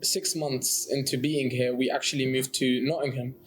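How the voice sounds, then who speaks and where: A man's voice: mid-range voice, level tone, normal speed, faint music behind, low-quality recording. A young man from Jordan, a student, chatting casually and telling stories with many restarts. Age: young adult. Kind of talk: casual discussion.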